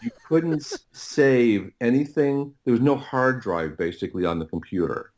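There's a little hiss or hum behind this medium-pitched, animated, darkish voice. It belongs to a middle-aged writer and audio producer telling rambling stories as a podcast guest, halting and repetitive, breaking off phrases and backtracking.

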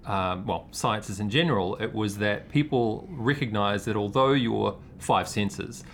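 A man's voice: on the low side, unhurried, slight background noise. A man hosting a casual podcast conversation, reflective and asking long, winding questions. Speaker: podcast host.

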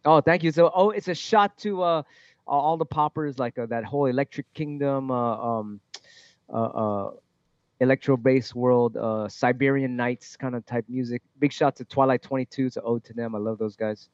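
A man, a music producer, talking in a casual interview, halting and swearing freely as he explains his tracks. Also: mid-range voice, no echo, lo-fi sound.

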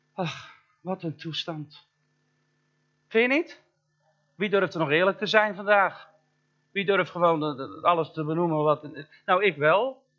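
A man in the role of pastor delivers a sermon with a high, bright, forceful voice. He keeps it chatty, asks the listeners questions and leans hard on key words. The recording sounds a little dull and lo-fi. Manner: emphatic preaching, slows down for key words.

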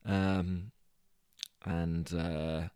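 A man's voice: low voice, flat delivery, very slow, warm tone, clear, resonant tone, no echo, studio quality. A British man hosting a podcast, retelling a story in a rambling, hesitant way with lots of fillers and restarts. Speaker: podcast host.

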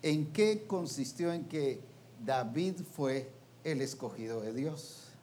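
A man preaching to a room of ministers, his voice pitched a little high for a man. He keeps tossing questions to his listeners and tags his sentences with casual fillers, all over a faint background hiss. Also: lively intonation, slow, darkish tone. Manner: colloquial, trailing "pues" and "¿va?". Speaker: preacher teaching a ministers' meeting. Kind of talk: interactive sermon.

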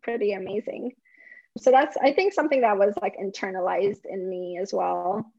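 A woman's voice: medium pitch, moderate pace, creaky, a little mellow, no room sound, lo-fi sound. A woman in her thirties from Lebanon, a climate researcher chatting casually in an interview and laughing often.

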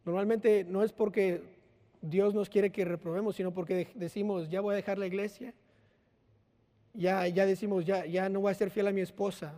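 A man preaches in a loose, conversational way, weaving in personal anecdotes and little acted-out lines. His voice sits high for a man. A long hall reverb trails each phrase. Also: mellow. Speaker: pastor. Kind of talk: sermon.

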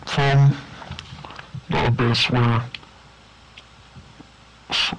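A man's voice: mid-range voice, flat delivery, drawn-out words, slight background noise, poor audio. A man voicing a tormented, gloating ghost baker in a horror story, menacing and grandiose.

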